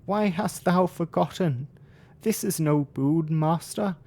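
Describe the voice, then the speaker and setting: A man voicing a forlorn, abandoned spirit trapped in a bottle in a fantasy game, pleading mournfully and slowly. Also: fairly high pitch, gravelly, a little mellow, pitched above the performer's own voice, heavily acted. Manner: slow, mournful, archaic pleading.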